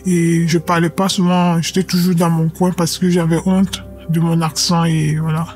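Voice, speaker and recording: A young woman from Cameroon, giving a measured, reflective personal testimony with hesitant pauses. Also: on the low side, flat delivery, darkish tone, soft background music. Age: young adult. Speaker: anonymous witness.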